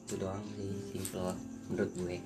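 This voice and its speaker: A man's voice: low-pitched, monotone, moderate pace. A young man, chatting casually as a podcast panelist. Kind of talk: casual chat. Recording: music playing behind the voice.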